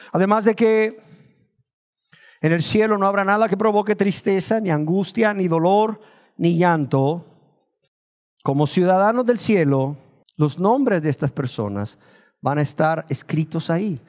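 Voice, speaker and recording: A man born in Nicaragua preaching a sermon, asking his listeners questions and slowing down to stress the words of scripture. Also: high voice, animated, a little mellow. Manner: asks the congregation rhetorical questions. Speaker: pastor.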